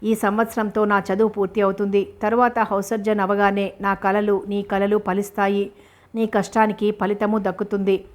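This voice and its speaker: A woman's voice: medium pitch, flat delivery, normal speed, lightly acted. A woman voicing a grateful, affectionate young male medical student in a storybook reading, speaking earnestly and tenderly.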